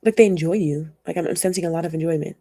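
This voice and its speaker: A young woman talks her way through a casual tarot reading in a rambling, chatty manner, often laughing along. Her voice sits low and dark, with a gravelly, husky edge. The sound is dry and close, with no room in it. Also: rapid-fire, no room sound. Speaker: tarot reader.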